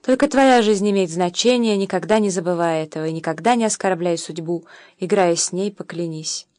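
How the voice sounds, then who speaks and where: A woman reading the lines of a tender young mother who calmly teaches her son, in a soft, measured voice. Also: on the low side, dry recording, clean studio sound, lightly acted. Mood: stern.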